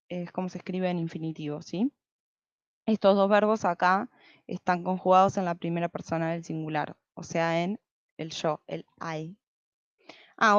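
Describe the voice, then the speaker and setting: A woman's voice: lowish voice, clear, resonant tone, dry recording. Woman teaching beginner english, patient and step by step, dry slightly muffled mic. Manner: patient, explains step by step, keeps checking with "¿sí?". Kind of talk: online lesson with slides.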